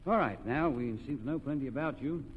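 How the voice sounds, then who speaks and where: Speaking briskly in a mid-range voice, a man hosts an old-time radio quiz show, jovial and teasing, often repeating contestants' answers back to them. The old radio recording sounds dull and noisy, with hall reverb.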